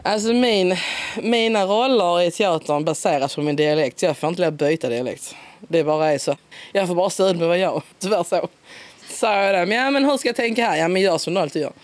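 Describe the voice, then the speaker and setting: A woman with a broad Scanian accent chatting in a relaxed interview, talkative and quick to laugh. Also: lowish voice, no echo. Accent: broad Scanian Swedish. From Skåne, southern Sweden. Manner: chatty, laughs often, lively. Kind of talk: casual conversational interview.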